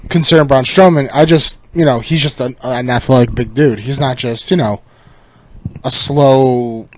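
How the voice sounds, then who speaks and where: A young man co-hosting a podcast in casual chat, jokey and halting. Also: medium pitch, fairly even intonation. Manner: jokey, halting, lots of fillers. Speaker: podcast co-host.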